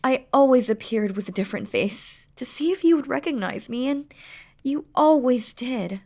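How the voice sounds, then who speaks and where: In an intimate romantic audio roleplay, a woman voices a doting, playful demon queen, her high-pitched voice mellow and expressive at a moderate pace. She speaks tenderly and teasingly in formal, regal language, sounding fond and proud.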